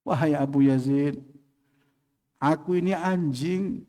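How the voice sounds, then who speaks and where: Calm pious talking dog told by a man, gently reproachful, in a fairly high voice, in a sermon tale. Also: slow pace, in a large hall. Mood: gentle reproach. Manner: gently reproachful, plain-spoken.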